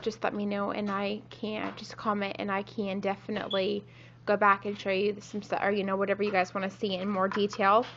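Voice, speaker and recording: A woman's voice: mid-range voice, fairly bright tone, a little hiss or hum. A woman who is a little sick gives a casual show-and-tell tour of her home craft room, meandering and correcting herself with lots of ums. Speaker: crafting vlogger. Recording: dull lo-fi home video.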